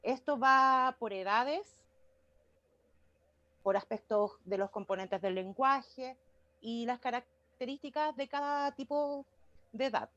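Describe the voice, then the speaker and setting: A woman summarizes her part of a class presentation over a video call, pausing often with fillers. Her voice is fairly high. The call sound is dull and muffled. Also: fairly bright tone, no room sound.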